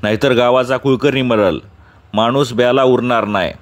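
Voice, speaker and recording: A man's voice: medium pitch, fairly even intonation, moderate pace, close to an everyday voice. A man voicing a quarrelsome, superstitious old village man in rustic dialect. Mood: argumentative. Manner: rustic, argumentative dialect speech.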